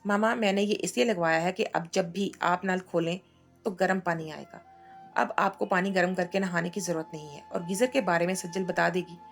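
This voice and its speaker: A gentle, affectionate grown son reassuring his mother, as a woman storyteller reads him. The tone is soft with a gravelly edge and faint music under it. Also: on the low side, steady tone, moderate pace.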